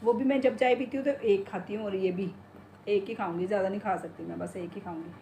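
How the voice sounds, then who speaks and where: A woman's voice: mid-range voice, quick pace, mellow, a little hiss or hum. A middle-aged woman chatting casually to her phone camera at home, rambling about her day and talking to her pet. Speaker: vlogger. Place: home kitchen and bedroom. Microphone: phone in hand.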